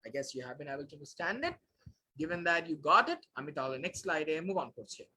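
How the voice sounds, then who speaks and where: A man's voice: a little high, lively intonation, moderate pace, pushed and bright, slight background noise, rough recording. A young man teaching a live online class, switching between Bangla and English with frequent filler sounds.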